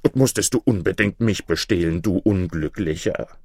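A man's voice: sits low, moderate pace, vocal fry, slightly rough, dry recording, clean studio sound, heavily acted. A man voicing a despairing cook who laments in a shaken voice, in a storybook reading. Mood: lamenting. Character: despairing honest middle-aged male cook.

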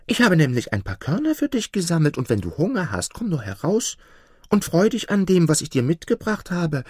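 Lively storytelling man, husky voice. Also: fairly high pitch, brisk, no echo, studio quality. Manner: lively storyteller voicing a clever sly fox. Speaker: narrator. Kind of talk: storytelling narration.

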